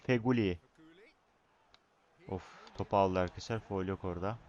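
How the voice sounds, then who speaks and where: A young man commentating his own football video game match, excitable, shouting at his players and chatting to viewers. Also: low voice, normal speed, lo-fi sound. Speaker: gaming YouTuber.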